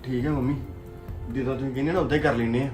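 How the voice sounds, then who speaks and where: A man as a fast, hot-tempered Punjabi husband. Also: mid-range voice, steady tone, a little mellow, natural voice. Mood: heated. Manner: hot-tempered, quick, accusing. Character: hot-tempered young husband suspicious of his wife. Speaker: angry husband and son. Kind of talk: family drama acting. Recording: roomy echo, faint music.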